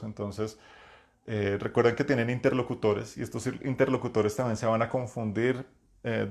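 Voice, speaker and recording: Deep-voiced man giving roleplay advice. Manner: reflective advice with many fillers and restarts. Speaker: game master and host. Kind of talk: live talk on roleplaying. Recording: lower-quality live stream.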